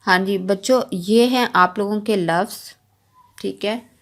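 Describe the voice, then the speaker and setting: A woman teaching young children in an online lesson, speaking very slowly and deliberately. She spells words out letter by letter, repeats them patiently, and keeps checking that the children follow along. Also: mid-range voice.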